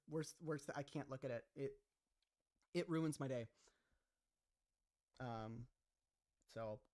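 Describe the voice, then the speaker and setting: A young man streaming live, chatting casually about his own series and rambling with lots of "like" and "kinda". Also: mid-range voice. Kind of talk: casual livestream chat.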